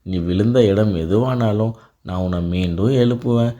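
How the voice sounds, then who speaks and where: A man delivering a devotional blessing in a calm, reassuring voice, speaking directly to the listener. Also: fairly low pitch, normal speed, dull audio. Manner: calm, reassuring second-person address. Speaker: devotional narrator.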